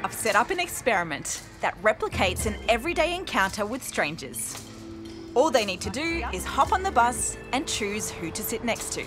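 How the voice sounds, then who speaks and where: A woman's voice: fairly high pitch, very animated, moderate pace, rough recording. A woman, presenting a science documentary and interviewing volunteers in a friendly, upbeat way, outdoors and on a bus. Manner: upbeat, friendly, clear explanations. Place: outdoors by a beach and inside a parked bus. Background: background music.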